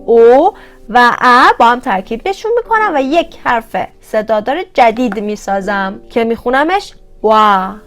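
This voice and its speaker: A woman teaching Korean vowels in an online lesson, patiently repeating each sound slowly and addressing her viewers as kids. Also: fairly high pitch, animated, soft background music.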